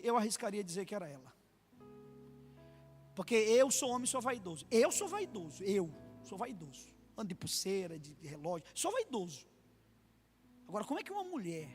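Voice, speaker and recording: Brazilian pastor guy preaching, high voice, shouts when he gets fired up, echoey church with faint music. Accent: Brazilian Portuguese. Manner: impassioned, building to shouts; acts out dialogue in anecdotes. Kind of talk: sermon. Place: church sanctuary.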